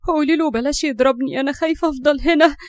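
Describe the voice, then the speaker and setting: A woman's voice: high voice, very fast, no room sound, studio quality, pitched above the performer's own voice, close to an everyday voice. A woman voicing a frightened young Egyptian woman haunted by spirits, in an audio horror story. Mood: confused.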